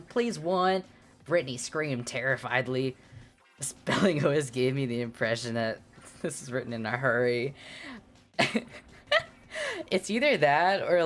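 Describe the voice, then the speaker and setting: A woman with a strikingly deep, low voice reads a fan fiction aloud for her stream. She keeps stopping for sardonic, giggly asides that mock the writing. Soft music plays underneath.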